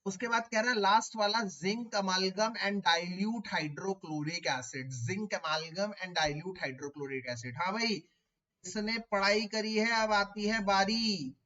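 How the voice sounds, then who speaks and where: Bright-voiced male chemistry teacher. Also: high voice, slow pace, lo-fi sound. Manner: explains step by step, mixes English terms, repeats key words; addresses students as beta, asks them questions. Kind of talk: online class lecture.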